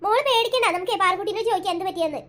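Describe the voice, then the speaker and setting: A voice actor playing a worried cartoon father who calmly soothes his scared daughter. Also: very high-pitched, racing. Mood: soothing. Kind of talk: cartoon voice acting.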